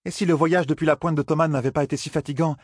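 A man voicing an earnest, apologetic young woman apprentice, in a husky voice for an audiobook. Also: on the high side, fairly even intonation, very fast, no room sound, clean studio sound, voice pushed up. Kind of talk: audiobook character voice.

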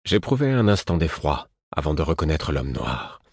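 A man reading a first-person audiobook in a measured, somber manner. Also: very deep voice, big pitch swings, darkish tone, slightly rough, dry recording, clean studio sound. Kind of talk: audiobook narration.

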